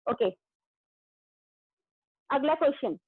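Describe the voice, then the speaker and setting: Loud high-voiced woman teaching an online class. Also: animated, slow, no room sound. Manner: loud, calls out pupils' names and praises answers. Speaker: school teacher. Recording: tinny phone-like audio.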